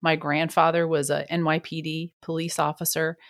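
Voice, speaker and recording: Middle-aged new lady, retired cop, low voice, chatty and candid, dry close sound. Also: level tone, normal speed, creaky, dry recording. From New York. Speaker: retired police detective, guest. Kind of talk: casual interview conversation.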